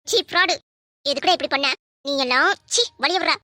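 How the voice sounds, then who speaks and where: A woman's voice: sits high, brisk, sharp tone. A woman voicing a defiant young cartoon doctor. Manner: defiant, pleading. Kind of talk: cartoon voice acting.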